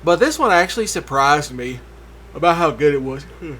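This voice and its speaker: A man's voice: on the high side, animated, brisk, pushed and bright, a little hiss or hum. A tired man rambling through a laid-back voice-over for his gaming video late at night, with yawns between thoughts. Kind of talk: casual voice-over commentary.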